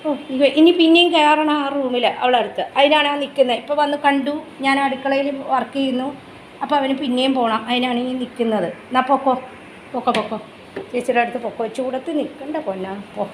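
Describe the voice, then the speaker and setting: A woman's voice: high voice, steady tone, fast. A woman with a Malayali accent, vlogging at home and talking to her dog in doting baby talk between chatty asides to viewers. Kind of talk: casual home vlog, cooing to her dog. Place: home, kitchen area. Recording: echoey home room with faint background noise.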